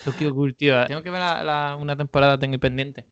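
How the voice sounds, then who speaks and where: A man's voice: on the high side, fairly even intonation, fairly quick, a bit bright, clean tone, highs cut off. A man co-hosting a podcast in casual chat, enthusiastic and slangy. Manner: enthusiastic, says "tío" a lot. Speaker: podcast co-host.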